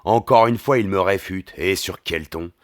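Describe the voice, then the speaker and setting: A man narrating a literary audiobook with a lively, theatrical delivery and slangy asides. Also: sits low, moderate pace, no room sound, clean studio sound.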